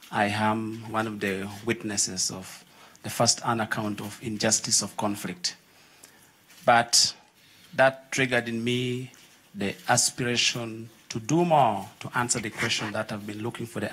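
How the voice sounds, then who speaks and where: A man's voice: lowish voice, level tone, a little slow, a bit bright, husky. A young man from Uganda, earnestly telling his personal story from a conference audience and acting out the voices of people in it. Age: young adult.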